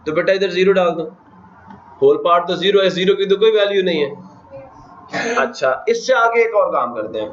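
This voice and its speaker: High-voiced male teacher in echoey classroom. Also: animated, normal speed, pauses often, slight background noise. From Pakistan. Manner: keeps asking the class questions, counting aloud. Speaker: math teacher. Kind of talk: classroom lecture. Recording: echoey classroom, dull lo-fi sound.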